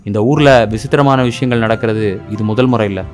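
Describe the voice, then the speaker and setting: A male narrator voicing a thoughtful police inspector who asks questions slowly and gently. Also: lowish voice, soft background music, close to an everyday voice. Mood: calm. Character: patient, thoughtful middle-aged police inspector. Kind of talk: dramatized story narration.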